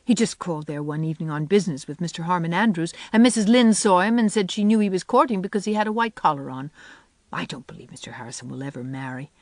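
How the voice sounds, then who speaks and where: A reader putting on a dreamy, imaginative young woman who gushes eagerly, her voice lifting higher than the narration. The recording is dry and close. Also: fast talker, no echo, lightly acted. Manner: wistful and gushing, rising in pitch. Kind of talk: audiobook character voice.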